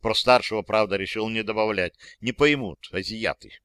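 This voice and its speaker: Man, audiobook narrator, first-person story, wry conversational delivery, smooth clear voice, dry close sound. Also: on the low side, moderate pace, fairly bright tone, dry recording.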